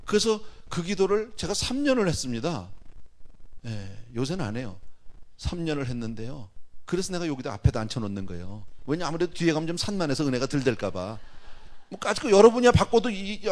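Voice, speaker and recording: Male pastor, conversational sermon, slightly high voice, shifts from hushed asides to loud bursts. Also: big pitch swings, a little fast. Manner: conversational, swinging between hushed and loud exclamations; speaks directly to the congregation.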